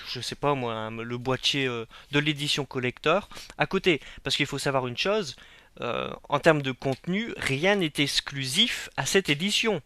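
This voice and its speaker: This limited-edition unboxing comes from a young French collector who is frank and critical, stumbling through fillers, hesitations and repetition. He speaks in a fairly high, bright, forceful voice, with no echo.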